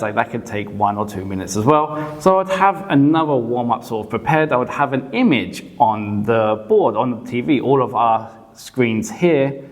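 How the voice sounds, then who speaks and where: A man who teaches English, casually explaining teaching tips in a relaxed, conversational way with frequent hedges. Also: medium pitch. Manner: relaxed and conversational, often hedging. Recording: long reverb, hall-like echo.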